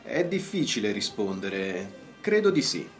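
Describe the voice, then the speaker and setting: A man reads his part in a scripted dialogue for language learners. His pitch rises and falls in an animated way, especially when he asks questions. Soft music plays faintly under his voice. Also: a little slow. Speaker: dialogue partner in a language lesson.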